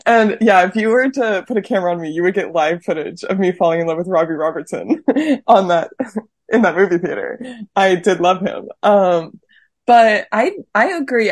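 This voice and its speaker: A woman's voice: on the low side, expressive, normal speed, no echo. A woman guest on a podcast, talking casually and thoughtfully, hesitating often and saying "like" a lot. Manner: thoughtful, hesitant, heavy use of "like". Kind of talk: casual chat.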